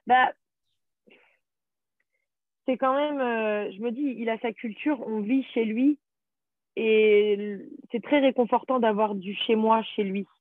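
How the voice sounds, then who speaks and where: A woman's voice: fairly high pitch, slow, long pauses. A woman talks in French in a loose, chatty way, full of fillers and little stories. Her voice comes through thin and tinny, like a phone line. The sound is dry, with no room echo. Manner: chatty, storytelling, many fillers. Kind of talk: casual chat.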